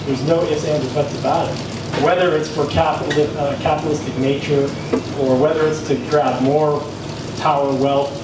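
A middle-aged filmmaker answering audience questions, earnest and full of fillers, on a handheld mic. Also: male voice, a little high, flat delivery, moderate pace. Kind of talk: Q&A answer at a screening. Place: small cafe gallery with audience. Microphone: handheld mic, far camera. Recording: echoey room from far off, loud noise.

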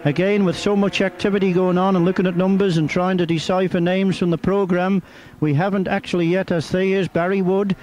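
A man with a high-pitched voice is commentating live on the radio. He follows a motorcycle race as it unfolds. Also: little pitch movement, a little fast, hardly any pauses, darkish tone.

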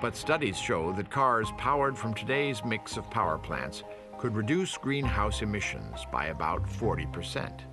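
Male doc narrator, deeper voice, expressive, measured and informative. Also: over music. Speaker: documentary narrator. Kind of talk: scripted narration.

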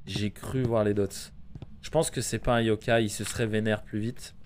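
A man in his thirties doing casual live horror-game commentary as a streamer, excitable and jumpy, swearing freely. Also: normal speed, slight background noise. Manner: excitable, jumpy, swearing, bursting into high shouts. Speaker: video game livestreamer. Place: indoors at a home streaming setup.

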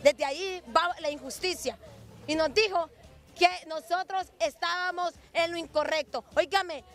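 A woman's voice: extremely high pitch, moderate pace, a bit bright, faint music behind. A young woman with a Honduran accent, pleading in an agitated, repetitive way in a street interview. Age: young adult. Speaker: protesting resident. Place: outdoors in a crowded street. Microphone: handheld reporter microphone.

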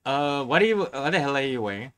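A reaction host with a very lively, mid-pitched voice. The delivery is casual and halting, with repeated words and frequent chuckles as they comment live. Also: clean tone.

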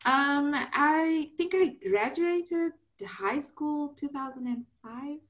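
A woman's voice: high-pitched, slow pace, a bit bright, dull audio. A South African woman in her thirties telling her story as a guest on a video call, giggly and easygoing, from a small room on a laptop mic. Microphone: laptop webcam on video call.

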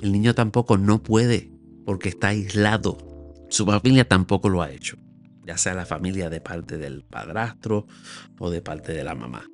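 Soft music plays behind a deep-voiced Puerto Rican man in his sixties as he lectures his YouTube audience at a moderate pace. Alone in a small room at home, he leans into a large studio mic on a boom, earnest and emphatic, scolding viewers, hands moving, in a Puerto Rican Spanish accent.

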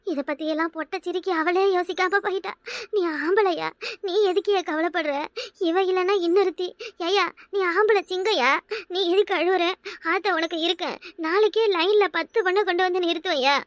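A fussy elderly village mother from a cartoon, voiced by a woman, speaking with a Tirunelveli Tamil accent and a piercing, very high voice. She laments dramatically, and the recording is dry and close, with no room sound. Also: steady tone, brisk, fairly bright tone, dry recording. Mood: lamenting. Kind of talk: cartoon voice acting.

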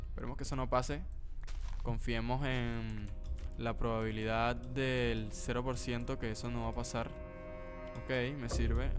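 A young man giving horror gameplay commentary from home on a desk mic, chatty and prone to sudden yelps and slangy exclamations. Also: mid-range voice. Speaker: gaming video creator. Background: game music.

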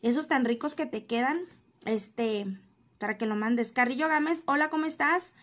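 A Mexican woman with a bright, high-pitched voice runs a loose, gossipy livestream from home. She talks straight into her phone, reading out comments and chatting with her viewers in a teasing, sometimes indignant manner. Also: moderate pace. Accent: Mexican Spanish. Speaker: livestream host.

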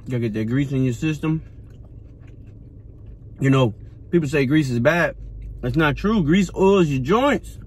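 A man, talking with his mouth full in a blunt, joking way while reviewing fast food. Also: a little high, animated, slightly rough. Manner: blunt, joking, swears casually. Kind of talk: casual car food review. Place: parked car.

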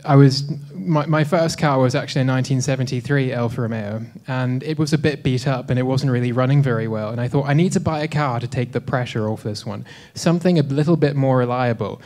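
A man in his twenties from South Africa tells a relaxed, self-deprecating story to an audience, often pausing on "um", speaking into a handheld microphone in a dim hall. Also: medium pitch. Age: 20s. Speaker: speaker at a live talk event. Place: dim lecture hall with a projector screen.

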